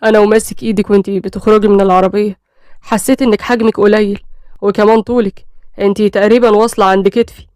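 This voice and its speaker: A courteous young husband with an Egyptian accent, calm and reassuring in every word, as a woman reads him. The voice comes quick and close, with a dry sound and no room around it. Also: mid-range voice, no echo, natural voice. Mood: gentle. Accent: Egyptian Arabic.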